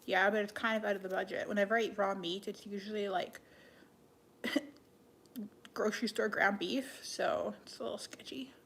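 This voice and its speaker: A young woman chatting casually on a live stream, answering viewers in an offhand way with many "like" fillers and soft, half-whispered asides. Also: medium pitch, flat delivery, fairly quick, a little hiss or hum. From Canada. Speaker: livestreamer.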